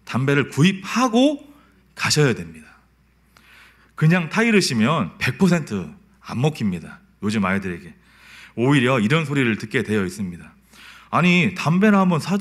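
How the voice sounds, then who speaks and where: A man's voice: mid-range voice, husky. A male pastor delivering a sermon, telling stories and acting out short quoted lines as he goes. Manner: lively storytelling with acted quotes.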